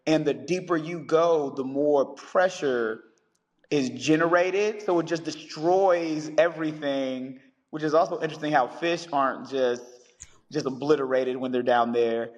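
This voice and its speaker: A man who is a science teacher, chatting on a podcast as a guest and telling stories with animated energy. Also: a little high, a little slow, big-room sound, muffled recording. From United States. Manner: animated storyteller, acts out callers in quotes. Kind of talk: casual podcast chat.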